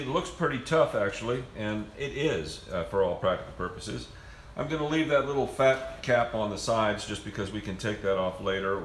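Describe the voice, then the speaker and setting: A man's voice: fairly low pitch, fairly bright tone, reverberant, a little hiss or hum. A man hosting a home cooking video, explaining the method casually and rambling with frequent restarts in his kitchen.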